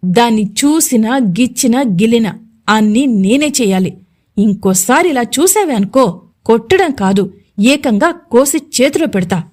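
A woman voicing a domineering, jealous male landlord who threatens his servant, slow and emphatic. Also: a little high, expressive, a little mellow. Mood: threatening.

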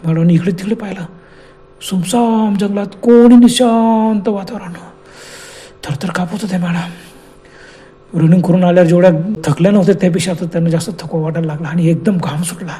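A man narrating a horror story in a slow, emphatic, repetitive way. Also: sits high, mellow.

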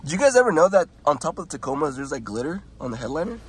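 Husky and on the high side, this man's voice swings widely in pitch and races along very fast. He's a young vlogger in his truck at a car wash, filming on a handheld phone and offering casual commentary full of nervous yelps and laughs.

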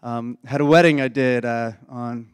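A man, a pastor whose voice is hoarse from illness, praying and preaching in an earnest, folksy way that often restarts phrases. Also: medium pitch, fairly even intonation, normal speed. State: hoarse, losing his voice. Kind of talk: sermon with opening prayer. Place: church sanctuary. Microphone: handheld or stage mic. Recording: dry close mic with long hall reverb.

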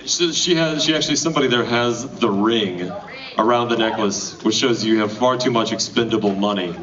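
A man's voice: fairly low pitch, brisk. A man hosting a contest at a cinema event, joking and teasing the contestants. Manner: teasing, lively. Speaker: event host. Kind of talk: joking emcee banter. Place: cinema lobby at a screening. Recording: distant lo-fi camera audio with crowd.

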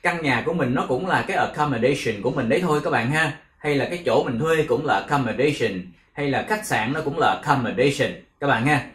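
A man with a Vietnamese accent teaches English pronunciation in a relaxed, chatty way. He repeats each word slowly and breaks it down sound by sound. His voice sits at a middle pitch, and it echoes around the room. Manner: drills words over and over, breaks them into sounds.

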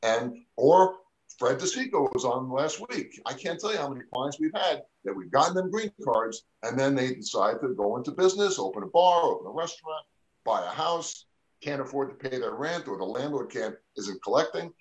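A man's voice: medium pitch, very animated, moderate pace, highs cut off. A man, an immigration attorney talking on a live radio show, casual and emphatic, says he is losing his voice. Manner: conversational, lots of "you know" and "all right?".

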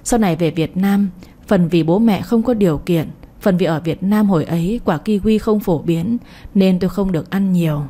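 A woman reading a late-night romance story in the first person, soft and emotional. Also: fairly low pitch, moderate pace. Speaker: audiobook storyteller.

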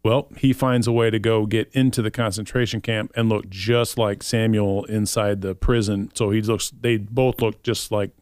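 A man with a fairly low voice retells a film plot on a radio talk show. He speaks in a plain, steady, matter-of-fact way, and the recording sounds dry and close. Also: moderate pace, hardly any pauses, smooth, dry recording.

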